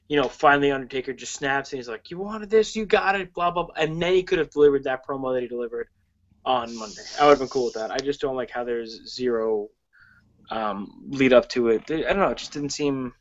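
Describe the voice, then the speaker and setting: A man's voice: mid-range voice, lo-fi sound. A man co-hosting a podcast in casual chat, rambling and swearing with frequent restarts. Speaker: podcast co-host.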